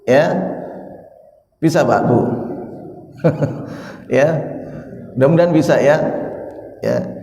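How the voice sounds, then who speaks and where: Slow-talking man teaching Quran recitation. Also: fairly high pitch. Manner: relaxed and joking, chants Quran verses to demonstrate. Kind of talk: mosque study session. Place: mosque hall. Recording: echoey mosque hall with long reverb.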